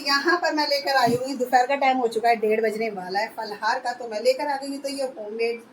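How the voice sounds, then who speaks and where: A hoarse woman in her thirties chatting through a home vlog, describing her chores step by step. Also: fairly high pitch, a little hiss or hum. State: hoarse, voice going. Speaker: vlogger. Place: at home, indoors.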